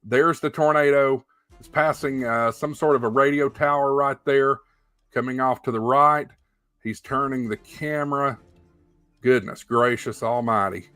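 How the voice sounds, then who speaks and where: A man's voice: mid-range voice, fairly even intonation, moderate pace, sharp tone, clear, resonant tone, no room sound, soft background music. A man hosting a livestream, giving live storm-tracking commentary in an urgent, emphatic, repetitive manner. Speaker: livestream host.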